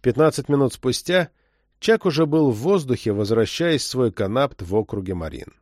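A man reading an audiobook novel in a steady, measured narrating voice. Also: mid-range voice, no echo, clean studio sound. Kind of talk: scripted narration.

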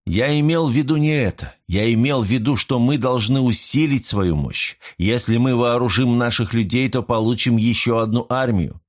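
A scheming ruler and head of the family, speaking in calm, measured and persuasive terms, as a man reads him aloud. His voice sits a little above the reader's own, in a middle range for a man. It has the feel of an audiobook. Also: medium pitch, natural voice. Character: father, ruling male patriarch, calculating.

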